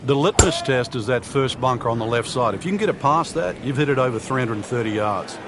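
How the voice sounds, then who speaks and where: A man giving live golf commentary as an analyst, explaining shots in a measured way. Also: mid-range voice, animated. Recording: loud outdoor crowd and ambient noise.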